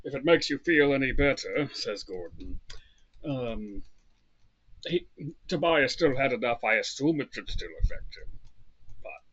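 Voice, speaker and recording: A man acting as game master of a tabletop game, talking in a halting, hesitant way with many ums. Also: mid-range voice, expressive, a bit bright, breathy edge. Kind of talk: running a tabletop game over voice chat. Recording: dull lo-fi mic.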